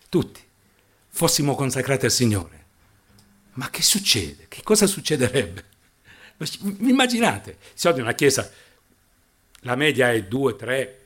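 A male preacher delivering a sermon to his congregation, his voice sitting at a middling pitch. He preaches emphatically, calling out to his brothers and sisters and asking them questions. His pitch jumps suddenly high for stress.

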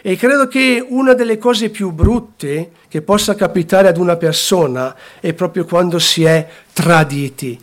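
A man preaching a sermon, slowly and deliberately, repeating phrases and swinging between hushed and raised delivery. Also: high-pitched.

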